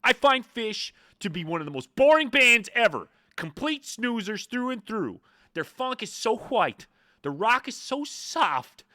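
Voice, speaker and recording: A man voicing an irate male internet commenter, reading a complaint in a loud, strained, slow rant. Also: extremely high pitch, very animated, no echo, studio quality, voice pushed up, full character voice.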